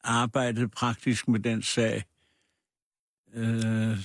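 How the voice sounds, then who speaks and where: A man's voice: on the low side, completely flat delivery, dry recording, clean studio sound. A man who served as a minister, answering tersely and bluntly on a political panel. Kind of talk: panel discussion.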